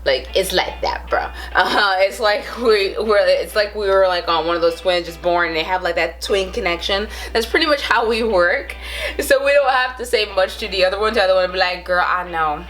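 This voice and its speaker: A thirties-aged woman vlogger from the Bronx, New York, with a Brooklyn accent, chats casually to camera, rambling with lots of fillers and self-amused laughs. Her mid-range voice has a fairly bright tone at a moderate pace, with faint music behind her.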